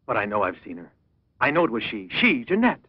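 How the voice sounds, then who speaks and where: A man's voice: mid-range voice, slightly rough, no room sound. An actor playing an earnest young man searching for the woman he loves, apologetic and sincere, in an old English film dub. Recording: thin, phone-like old film soundtrack.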